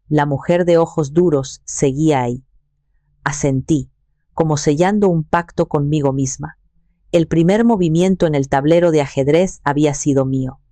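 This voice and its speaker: Woman reading a dramatic story, low mellow voice, dry close sound. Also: dry recording. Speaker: narrator. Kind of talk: first-person scripted story narration.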